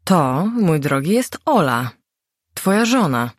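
Kobieta jako niecierpliwa przyjaciółka, rządzi się, stanowczy ton, suche nagranie. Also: female voice, deep voice, very animated, takes it slowly, no room sound, clean studio sound, exaggerated voice. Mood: commanding. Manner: commanding, scolding. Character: bossy young woman friend, sharp and impatient.

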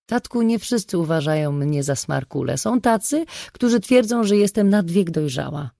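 A reader voicing a cheeky, clever teenage daughter in an audiobook. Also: female voice, fairly low pitch, animated, moderate pace, vocal fry, mellow, no room sound, studio quality. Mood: pleading. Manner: teasing, pert. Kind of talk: audiobook reading.

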